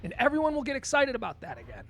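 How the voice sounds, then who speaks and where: High-pitched, creaky male talk show host. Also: racing, a little hiss or hum. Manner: excitable, emphatic, repeats phrases. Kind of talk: casual radio talk.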